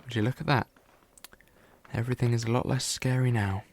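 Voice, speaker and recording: A man's voice: medium pitch, steady tone, a little fast, a little mellow, natural voice. The Doctor, a whimsical sleuth voiced by a man. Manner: chatty and whimsical. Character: the Doctor, eccentric time-travelling male sleuth. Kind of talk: fan audio drama acting.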